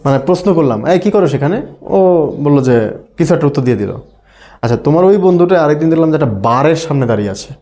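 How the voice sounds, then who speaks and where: A man's voice: a little high, expressive, fast, mellow. Bangladeshi teacher questioning his class. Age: middle-aged. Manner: asks students questions, acts out tones. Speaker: ESL teacher. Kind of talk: classroom lecture.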